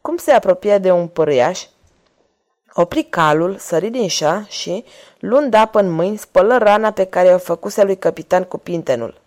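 Woman steadily narrating an audiobook. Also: lowish voice. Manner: steady, measured reading.

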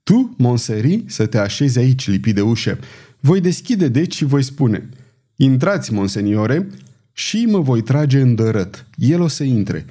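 A man's voice: mid-range voice, big pitch swings, mellow. A man doing a tense, commanding conspirator. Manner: urgent, commanding, clipped. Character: tense, daring male conspirator leading an ambush.

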